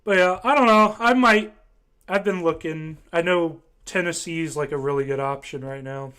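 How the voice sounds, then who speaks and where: Young man, slightly raised pitch, casual rambling chat, hesitant delivery. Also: normal speed, pushed and bright, smooth. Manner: rambling, hesitant, many fillers. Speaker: voice chat participant.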